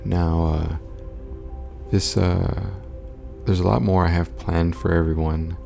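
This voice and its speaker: Man, hushed quiet-at-night talking, very gravelly fry, low pitch, monotone, stoic, casual vlog. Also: slow pace, soft background music. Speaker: content creator. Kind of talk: casual vlog update to viewers.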